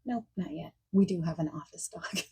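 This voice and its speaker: Using a full character voice that's on the low side, gravelly and husky, a woman plays an accommodating party planner in a softspoken ASMR roleplay, sometimes nearly whispering. She comes across friendly and chatty, casual and reassuring, pausing for unheard replies. Faint noise accompanies keyboard typing and clicking.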